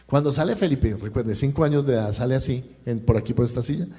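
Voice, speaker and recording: A man's voice: mid-range voice, fast, mellow. A male pastor with a Colombian accent, preaching a sermon and telling a personal story, acting out the dialogue and speaking directly to the congregation. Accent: Colombian Spanish. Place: church service.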